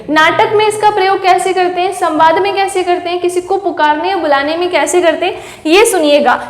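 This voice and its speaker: A woman teacher with a very high voice gives a classroom-style lesson. She keeps putting questions to her listeners and then answers them herself. Her voice rings around a roomy space with a long reverb. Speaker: Hindi teacher. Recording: echoey room with long reverb.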